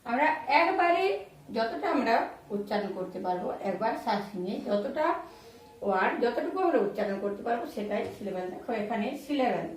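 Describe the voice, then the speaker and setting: A woman teaching English grammar in Bengali, spelling out words letter by letter and repeating examples slowly. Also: on the high side, expressive, far from the mic. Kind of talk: explaining grammar rules to students. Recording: very echoey room, voice off-mic.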